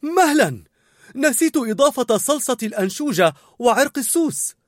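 A man's voice: high voice, big pitch swings, brisk, no echo, studio quality, pitched above the performer's own voice. A man voicing a stern young woman head cook who scolds sharply. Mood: sharp, scolding.

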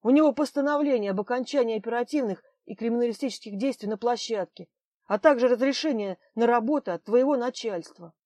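A woman's voice: on the high side, a little fast, dark tone, no echo, pitched above the performer's own voice, close to an everyday voice. Woman voicing a curt male police officer, formal, clipped.

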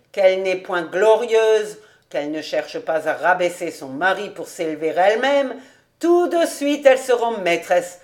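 A woman's voice: medium pitch, a little mellow, close to an everyday voice. A woman voicing a kindly old male rabbi who talks earnestly and pleads fondly, in an audiobook reading.

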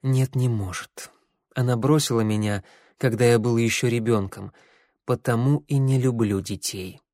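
A man voicing a calm, quietly bitter young wizard in an audiobook. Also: medium pitch, moderate pace, dry recording, clean studio sound, close to an everyday voice. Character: bitter, self-pitying young male wizard. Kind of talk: audiobook character voice.

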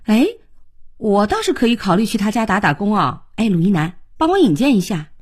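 A woman voicing a young, heartbroken daughter in an audiobook, with a husky, lively and emotional delivery. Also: mid-range voice, a little fast. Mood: eager. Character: young woman, grieving daughter, brittle and proud. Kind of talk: audiobook character reading.

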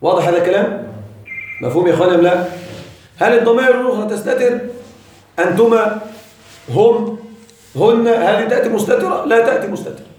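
A man teaches a grammar lesson to a class, often checking that students follow and repeating his key points. His high-pitched, darkish voice is fast but pauses often. The room is very echoey, and he is far from the mic.

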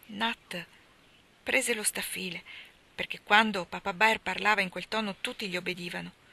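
A woman reading a classic children's novel aloud as an audiobook, in a measured, expressive way. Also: medium pitch. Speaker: reader.

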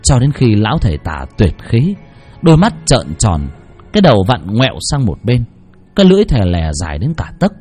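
A male storyteller reads a horror tale with lively, rising and falling delivery. His voice is husky, with faint music underneath. The pitch sits in the middle. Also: normal speed. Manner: expressive, suspenseful. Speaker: narrator. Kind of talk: dramatic horror story narration.

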